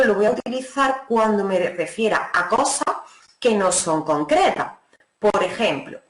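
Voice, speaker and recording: A woman teacher walks a class through English grammar, patient and methodical. She slows down whenever she gives an example and keeps checking that everyone is following. Her voice sits at a medium pitch and carries a noticeable room echo. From Spain. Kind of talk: online class explanation.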